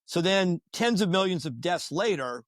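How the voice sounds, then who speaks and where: A man with a somewhat high voice spins stories in a relaxed podcast chat. He talks with animation and slips into quick character voices for the people in his tales. The sound is close and dry. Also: no room sound. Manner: animated, acts out quoted voices. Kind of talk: casual podcast storytelling.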